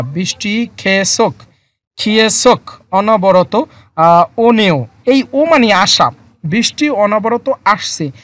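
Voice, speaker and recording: A teacher explaining a textbook lesson in a slow word-by-word way, repeating each term with frequent fillers. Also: mid-range voice, fairly bright tone. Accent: Bangladeshi Bengali. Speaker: Korean language teacher. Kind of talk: lesson explaining vocabulary and grammar.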